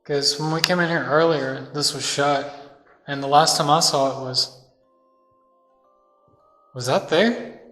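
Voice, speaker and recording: A man's voice: on the high side, a little slow, pauses often, fairly bright tone. A man investigating an old house on a ghost hunt, giving casual running commentary to his crew. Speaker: paranormal investigator. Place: inside a hot old house. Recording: reverberant interior with music.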